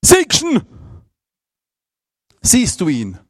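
A man putting on an excited old Swabian grandma. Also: slow, no echo, clean studio sound, exaggerated voice. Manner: high, excited calling.

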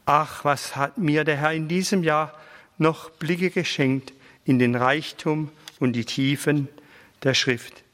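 A man reading a biography aloud in a slow, measured, reverent way. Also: a little high, fairly even intonation, fairly bright tone, in a large hall.

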